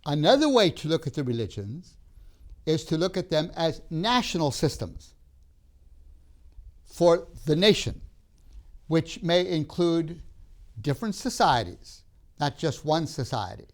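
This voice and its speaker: The speaker, an older Tanzanian-raised man, gives a seminary lecture that was recorded. His fairly high voice moves with lively intonation, and his phrases are measured and emphatic, punctuated by pauses, "uh"s and restarts.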